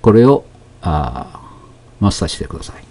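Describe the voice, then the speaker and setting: Low, mellow-voiced male math teacher. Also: big pitch swings. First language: Japanese. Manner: slow, explanatory, with many fillers and pauses. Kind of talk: lecture explaining technical English terms.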